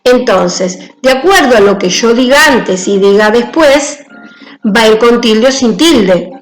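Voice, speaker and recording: A woman's voice: on the high side, expressive, unhurried, reverberant, soft background music, rough recording. A woman teacher giving a grammar lesson, patient and careful, often checking in with her students. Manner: patient, repeats key points with "¿sí?".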